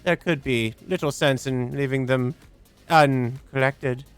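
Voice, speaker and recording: A man acts out a solemn machine intelligence from a video game. The delivery is formal, deliberate and stilted, at a medium pitch, with music behind it. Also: steady tone, clean tone, lightly acted. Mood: formal, bargaining. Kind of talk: video game dialogue read aloud.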